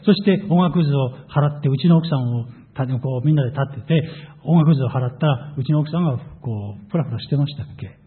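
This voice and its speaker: A man preaching as a pastor, telling his testimony in an animated storytelling way. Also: a little high, breathy edge. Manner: animated storytelling, voices quoted people. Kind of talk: sermon testimony. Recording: tinny phone-like audio.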